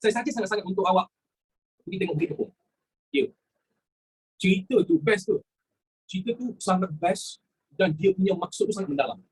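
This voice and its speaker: A man's voice: sits high, lively intonation, a little fast, pauses often, slightly rough. A man with a Malaysian Malay accent teaching a history lesson in a chatty way, asking rhetorical questions and repeating his phrases. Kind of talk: classroom lesson mixing in English words.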